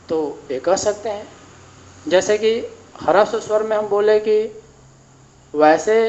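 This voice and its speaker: A man teaching a grammar lesson at a board, explaining slowly and repeating each definition. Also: high-pitched, a little mellow, lo-fi sound.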